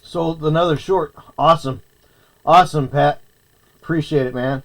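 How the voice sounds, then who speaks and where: A man's voice: fairly high pitch, steady tone, normal speed. A man chatting casually on a livestream while he eats, sometimes talking with his mouth full. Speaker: streamer.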